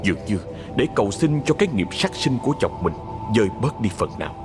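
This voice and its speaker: Male narrator, ghost story, low voice, lively intonation, faint music behind. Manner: measured, expressive storytelling.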